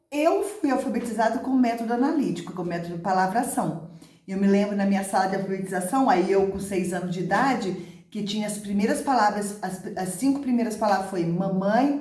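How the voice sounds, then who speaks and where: A woman's voice: mid-range voice, a little mellow. A middle-aged Brazilian woman teacher talking to viewers about how she learned to read and about literacy methods, emphatic and repeating key words. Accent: Brazilian Portuguese. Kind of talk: personal talk to camera on teaching methods. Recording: echoey room.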